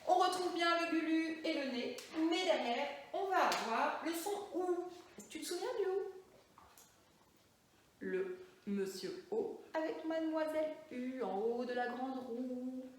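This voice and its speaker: A woman teaching first-grade handwriting to young children, slowly sounding out letters and syllables with encouragement. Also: sits high, expressive. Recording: echoey room.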